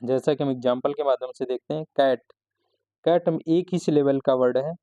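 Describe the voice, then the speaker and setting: A man teaching a grammar lesson in a slow, methodical way, restarting his phrases as he explains. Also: mid-range voice, fairly even intonation, dark tone, smooth, no echo. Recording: slightly dull, lo-fi recording.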